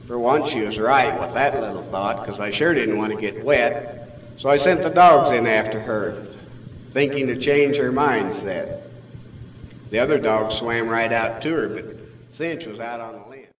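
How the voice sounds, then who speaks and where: A man's voice: mid-range voice, a little slow, lo-fi sound. A man with an American West accent and a folksy cowboy drawl, reciting rhymed cowboy poetry as a storyteller. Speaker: cowboy poet. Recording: echoey hall from far off, faint noise.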